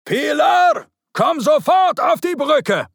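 A man shouting as a bossy ship captain. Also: a little high, wildly swooping pitch, measured pace, vocal fry, husky, no room sound, studio quality, voice pushed up, heavily acted. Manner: barking orders, raised voice. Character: domineering middle-aged male ship captain, treasure-obsessed.

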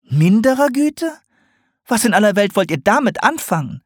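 A man reading an audiobook, voicing a jittery young female owl trader in a shrill, excitable voice. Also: normal speed, no room sound, clean studio sound. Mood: astonished. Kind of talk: audiobook character voice.

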